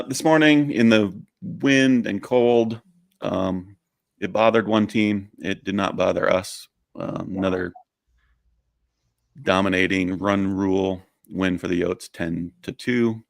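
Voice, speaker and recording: A man co-hosting a casual sports podcast, walking through game results and stats in a steady, plain way with frequent fillers. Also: low voice, gravelly, dry recording, studio quality. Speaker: co-host.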